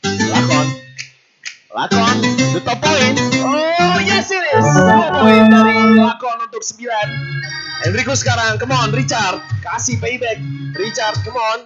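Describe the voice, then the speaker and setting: A commentator hoarse from yelling, calling live basketball in an informal, exclamatory way with English phrases mixed in. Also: medium pitch, expressive, a little slow. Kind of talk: excited live sports commentary. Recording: dull lo-fi broadcast sound, loud music behind.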